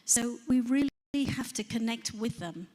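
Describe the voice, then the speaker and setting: A woman's voice: on the high side, moderate pace, mellow. A woman from Ethiopia giving a closing speech at a conference. She is direct, plain-spoken and rallying. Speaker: conference speaker.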